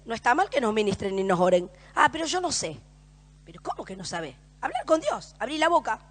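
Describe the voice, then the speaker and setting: A middle-aged woman with an Argentine accent preaching a sermon in church, moving between loud, emphatic exhortation and hushed storytelling. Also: fairly high pitch, sing-song, quick pace. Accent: Argentine Spanish.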